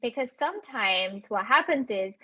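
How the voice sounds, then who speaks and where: A woman in her thirties with an accent, giving animated coaching advice in a webinar and addressing listeners directly. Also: on the high side, normal speed, no echo. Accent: non-native English accent. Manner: animated, laughs often, speaks directly to listeners. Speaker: webinar speaker on residency interviews.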